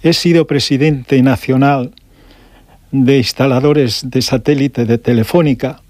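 Older man from Galicia, guest on radio, dry close mic, unhurried storyteller. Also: medium pitch, fairly even intonation, darkish tone, no echo. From Galicia, Spain. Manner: unhurried storytelling with pauses and restarts. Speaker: guest, electronics shop owner. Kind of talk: radio interview. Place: radio studio.

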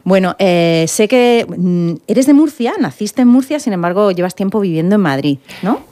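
A woman hosts a podcast interview. She speaks at a medium pitch, asks her questions gently, and keeps encouraging her guest with short affirmations. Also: animated, moderate pace. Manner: warm and encouraging, with frequent affirmations. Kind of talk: interview hosting.

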